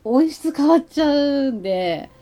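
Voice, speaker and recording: High-voiced, lively woman podcast co-host. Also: measured pace. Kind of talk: casual chat.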